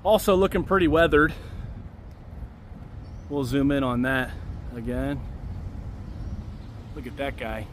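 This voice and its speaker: A man's voice: mid-range voice, steady tone, slow pace, long pauses. A man in his thirties narrating a casual walking tour outdoors, musing aloud as he points things out, recorded on a handheld camera. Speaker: vlogger giving a walking tour. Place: outdoors along a busy city street. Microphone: handheld camera mic with a front selfie view. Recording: outdoor street with faint traffic noise.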